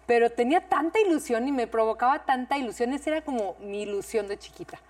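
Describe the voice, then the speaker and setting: A woman with a Mexican accent and a fairly high voice tells stories in casual chat with an animated, nostalgic manner. She sounds a little distant from the microphone. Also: quick pace, slight background noise. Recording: distant mic.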